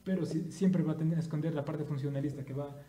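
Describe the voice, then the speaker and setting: An Ecuadorian man talks through media theory on a podcast, animated and full of asides. His voice sits a little high, yet it sounds very dark and mellow. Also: fast talker, husky. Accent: Ecuadorian Spanish. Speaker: podcast co-host. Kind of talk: casual discussion. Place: studio.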